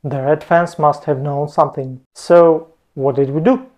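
A man's voice: on the high side, fairly even intonation, measured pace, noisy background. Playful man vlogging with a lapel mic. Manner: playful, jokey asides. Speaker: travel vlogger. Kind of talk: scripted travel vlog narration. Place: home room, indoors.

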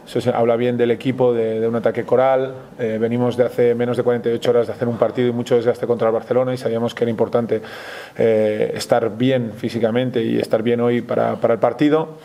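A man with a Spanish accent, a basketball coach answering questions at a post-game press conference in a measured way, with many hesitations and restarts. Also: medium pitch, level tone, mellow.

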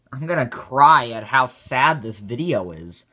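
A man doing reaction commentary on his own old gaming video, excitable and mocking himself. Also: mid-range voice. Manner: mocking, self-deprecating, excitable.

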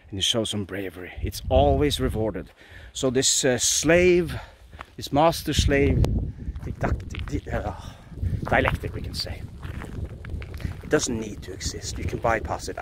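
A man's voice: medium pitch, noisy background. A Norwegian man in his forties with a Norwegian accent, talking earnestly into a phone held at arm's length in a pine forest, with frequent restarts. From Norway. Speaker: vlogger. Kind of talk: casual philosophical monologue.

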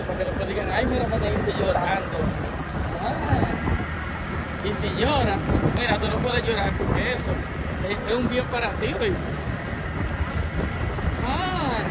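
A man's voice: very high-pitched, very noisy. A man with a Dominican accent hosting a casual vlog, chatty and teasing with the people around him. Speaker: vlogger host.

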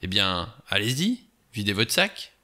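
A pushy, suspicious middle-aged ex-policeman, as a man reads him, pressing every question without letting go. The voice is bright and forceful, sitting a little low. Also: big pitch swings, unhurried, full character voice. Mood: insistent.

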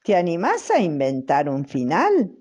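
A woman with a Rioplatense accent reading a children's story aloud in a gentle, expressive way. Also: lowish voice, unhurried, breathy edge. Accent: Rioplatense Spanish.

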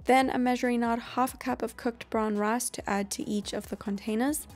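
A woman narrates a meal-prep tutorial in a calm, explanatory voice-over. Her voice sits a little high, and she walks through each step plainly. Soft music plays quietly behind her. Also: moderate pace. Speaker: cooking channel host. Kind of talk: instructional voice-over.

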